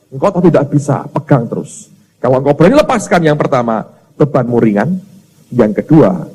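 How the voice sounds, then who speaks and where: Guy preaching in a big echoey hall, dark husky voice, swings up and down a lot. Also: medium pitch. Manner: storytelling, acts out quoted voices, addresses the congregation as "saudara". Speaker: pastor. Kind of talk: sermon. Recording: long reverb of a large hall.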